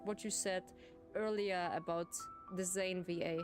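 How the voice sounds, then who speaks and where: This woman streamer, a native German speaker, keeps a lowish voice and steady tone as she slowly chats with viewers. She giggles and laughs often while game music plays.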